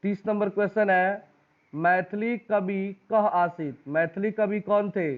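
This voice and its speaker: High pitched bihari guy teaching exam prep in a classroom, keeps asking the class and repeating answers, phone-quality audio. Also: steady tone, slow. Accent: Bihari Hindi. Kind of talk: exam-prep lesson, reading out quiz questions and options. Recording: tinny phone-like recording.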